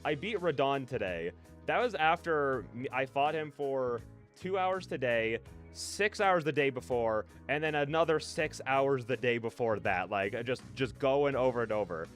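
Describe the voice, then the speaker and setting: On a close, dry mic, a man hosting a live stream chats casually and self-deprecatingly, rambling, replying to chat messages, and narrating a game by reading it aloud. His medium-pitched voice is animated but a little slow, with soft music in the background.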